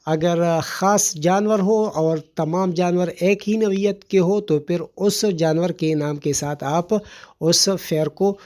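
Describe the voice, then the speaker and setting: A man's voice: high-pitched, a little mellow. A man giving a vocabulary lesson, explaining words patiently, spelling them out letter by letter and repeating them. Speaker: vocabulary teacher.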